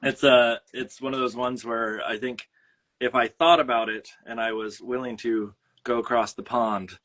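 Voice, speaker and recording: A man's voice: medium pitch, fairly even intonation, normal speed, a bit bright. A man with a Minnesota accent hosting a casual livestream chat from home, rambling with lots of fillers and restarts. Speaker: host. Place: home studio room. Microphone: phone on a mount.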